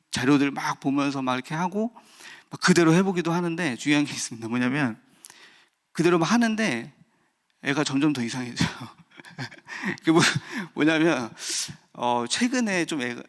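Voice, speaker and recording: Man preaching a candid dawn sermon. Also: mid-range voice. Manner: candid, personal, with many fillers and restarts. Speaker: pastor. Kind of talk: early-morning sermon.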